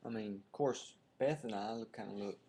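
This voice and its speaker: Speaking at a fairly low pitch and normal speed, this middle-aged co-host has a dark, slightly rough voice. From his home webcam he chats casually, joking around playfully and chuckling a lot.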